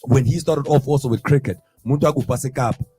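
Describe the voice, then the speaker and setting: A man's voice: medium pitch, fairly even intonation, fast, dark tone, husky, no room sound. A young man with a South African accent hosts a casual breakfast show, talking in long, rambling runs that are full of fillers. His voice sits in a middle range and sounds dry and close, with faint music playing underneath. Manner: rambling, filler-heavy, repeats "you know what I mean". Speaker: radio show host. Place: studio.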